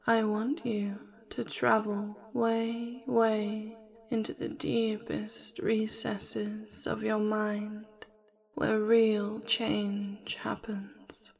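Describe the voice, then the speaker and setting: A young woman whispers slowly and softly, guiding a hypnotic trance in a possessive, commanding way. Her whisper stays almost perfectly level, with a gravelly fry underneath, and she drags out every phrase at an unhurried crawl. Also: mid-range voice, monotone. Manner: slow, soft, hypnotic whisper.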